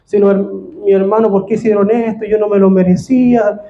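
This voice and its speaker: A young man , as a preacher puts him on, sits in prison and whines about his fate, firing off one plaintive, complaining question after another. The voice is higher than usual yet mellow, and it rings through an echoey church hall. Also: fairly even intonation, fairly quick, highs cut off, close to an everyday voice. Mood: self-pitying. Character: young man lamenting in a prison, self-pitying.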